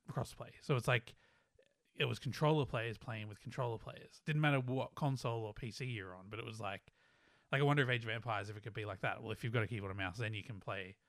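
A young man talks in a mid-range voice, close and dry with no room around it. He thinks aloud, trailing off and restarting his sentences. The chat is relaxed and unscripted. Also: mid-range voice, fairly quick, dry recording. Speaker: podcast co-host. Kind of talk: casual chat.

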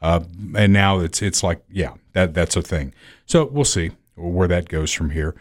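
A man co-hosting a podcast, chatting casually about the news in a drawn-out, conversational way. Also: sits low. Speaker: podcast co-host. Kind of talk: casual political chat.

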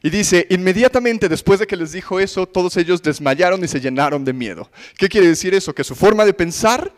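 A man preaching a sermon, his voice pitched high for a man. He talks in a conversational way, keeps asking the audience questions and acts out the voices of the people in the story. The sound has a long reverb, as in a big hall. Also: expressive, fairly quick.

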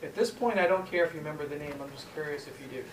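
Racing along in a slightly high voice, a man lectures on pharmacology, throwing questions at students before answering them himself. The sound comes from a distant mic in an echoey lecture room with faint hiss.

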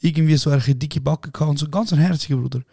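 A man with a Swiss German accent, co-hosting a podcast and telling animated stories in slangy casual chat. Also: on the high side, very fast, vocal fry, breathy edge, dry recording, clean studio sound. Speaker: podcast co-host. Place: podcast studio.

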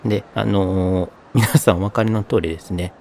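Low-voiced male podcast host, thirties, flat slightly Kansai-tinged speech, easygoing and wry. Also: moderate pace, creaky, a little hiss or hum. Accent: flat northern Kyoto speech, slightly Kansai-leaning. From northern Kyoto Prefecture, Japan. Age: 30s. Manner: relaxed, chatty, self-deprecating asides. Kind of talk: solo podcast talk.

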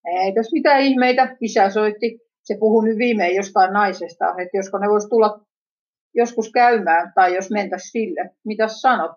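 A woman's voice: mid-range voice, lightly acted. Brief: a woman playing a nosy, teasing sister, dull lo-fi recording. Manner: teasing, suspicious questioning. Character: teasing, prying older sister.

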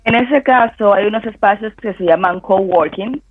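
A man from the Dominican Republic, a guest on a radio talk show, calmly explaining and giving advice. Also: sits high, normal speed, dry recording. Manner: calm, explanatory, gives advice. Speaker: guest expert. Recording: tinny phone-line audio with faint music.

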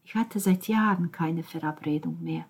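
A woman's voice: fairly low pitch, normal speed, darkish tone, husky. A woman voicing a shy, flustered woman neighbor who talks breathlessly and pleads eagerly in an audiobook. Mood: warm, shy. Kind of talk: audiobook character voice.

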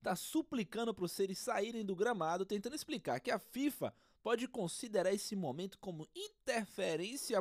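Podcast narrator, scripted football commentary style, theatrical, urgent, animated intonation, dry studio-like sound. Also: medium pitch, no room sound.

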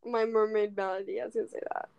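A woman's voice: medium pitch, little pitch movement, quick pace, gravelly, darkish tone, clean tone, no echo, muffled recording. A woman co-hosting a chaotic casual chat, playful and goofy, tossing in silly wordplay. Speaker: co-host.

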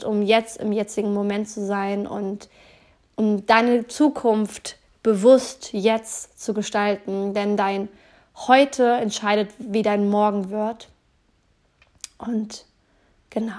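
A woman's voice: fairly high pitch, darkish tone. Earnest, encouraging woman podcaster. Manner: earnest, encouraging, speaks straight to the listener; many fillers and restarts, spontaneous. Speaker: podcast host. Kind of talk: motivational podcast monologue.

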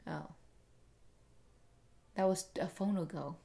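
A woman's voice: on the low side, takes it slowly, gravelly, dark tone. A woman co-hosting a casual chat podcast, answering with playful, sassy quips. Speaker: podcast co-host.

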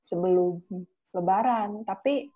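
A young woman chats casually in Jakarta slang, with English words mixed in. Her accent is Jakarta Indonesian and her pitch is mid-range. The recording sounds slightly dull and lo-fi. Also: measured pace, mellow. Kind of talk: casual chat.

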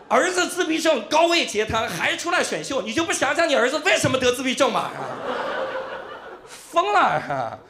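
A young male comedian works a live stage set, spinning stories with constant little asides to the crowd. His voice sits high and leaps up and down with lots of movement. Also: background noise. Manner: animated storytelling with frequent tag 哈 and 是吧. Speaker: stand-up comedian.

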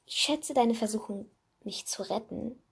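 A woman voicing a brisk young schoolgirl witch who blurts out exclamations. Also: fairly high pitch, creaky, slightly rough, exaggerated voice. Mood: earnest.

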